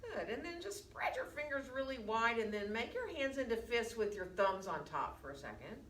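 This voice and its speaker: A woman's voice: on the high side, big pitch swings, moderate pace, fairly bright tone. Woman talking through a face mask, distant, echoey. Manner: muffled slightly, speaking through a face mask. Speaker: yoga instructor. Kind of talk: guided gentle yoga instruction. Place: indoor yoga studio. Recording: distant mic, echoey room, faint noise.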